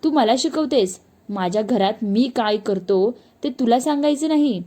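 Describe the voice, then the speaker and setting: A woman narrator voicing a drunken, bullying husband who shouts angrily, in a storybook telling. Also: mid-range voice, a little fast, close to an everyday voice. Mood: angry. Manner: angry, shouting.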